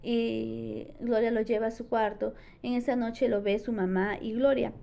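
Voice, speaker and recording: A woman's voice: a little high, creaky, warm tone. A young woman, a student retelling a novel's plot in a book summary with frequent restarts. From Peru. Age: young adult. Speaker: education student.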